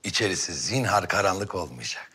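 A man's voice: low voice, lively intonation, fairly quick, sharp tone, husky, full character voice. An actor playing a humble, earnest Ottoman court architect in a period drama, speaking respectfully. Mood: earnest explaining. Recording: music under the dialogue.

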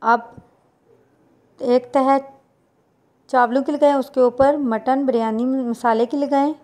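A woman, talking viewers through a recipe step by step in a plain, unhurried voice-over. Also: sits high, steady tone, dark tone. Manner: plain instructional, unhurried with small restarts. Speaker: cooking channel host.

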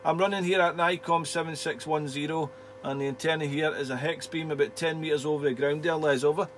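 A man with a slightly high voice chats as an amateur radio operator, friendly and talkative. His speech is full of call signs and radio jargon, over faint crackly radio hiss and hum. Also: steady tone, brisk, fairly bright tone. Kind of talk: casual two-way radio contact chat. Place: indoor home radio shack.

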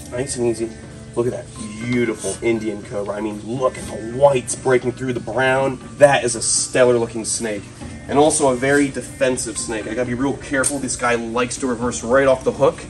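A man in his twenties hosting a casual vlog as he handles animals, talking in an enthusiastic, exclamatory and playful way. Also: mid-range voice. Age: 20s. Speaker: host, snake keeper. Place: large metal-walled reptile room with concrete floor.

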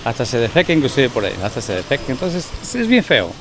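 At a busy outdoor street market, a local business owner in his fifties complains indignantly into a handheld reporter mic during a street interview, repeating his points. His mid-range voice is very animated and fast, with a noisy crowd behind him.

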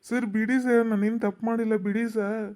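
A woman's voice: fairly high pitch, flat delivery, brisk, darkish tone, lightly acted. Pleading young husband in a cartoon, voiced by a woman. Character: young husband in trouble, son.

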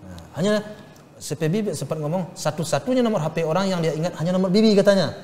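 A middle-aged man, a guest in a casual interview, telling his story in a halting way with many fillers and restarts. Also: high voice, darkish tone. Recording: reverberant room with faint music.

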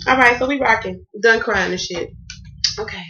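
A woman's voice: mid-range voice, normal speed, a bit bright, dull audio. A woman from the Southern United States with a Southern accent, giving a casual tarot reading to her viewers, emphatic and repetitive, calling them y'all. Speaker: tarot card reader.

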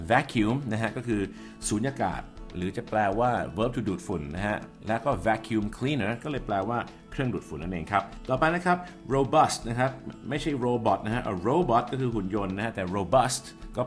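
A man with a slightly low voice teaches vocabulary, walking through each word carefully and spelling it out. Soft music plays quietly beneath him. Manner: explains word by word, spells out letters. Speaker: English teacher. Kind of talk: vocabulary explanation.

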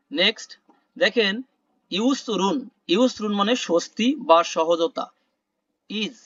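A man teaching an online class, explaining word meanings slowly, repeating terms and quizzing the class. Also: high voice, fairly bright tone, dry recording, lo-fi sound. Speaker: Quran vocabulary teacher. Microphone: video call.

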